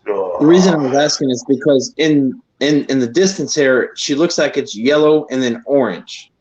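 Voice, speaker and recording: A man's voice: medium pitch, animated, normal speed, darkish tone. A man in his thirties chatting on a livestream call, asking questions casually. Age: 30s. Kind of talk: casual chat on a video call. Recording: dull lo-fi stream audio.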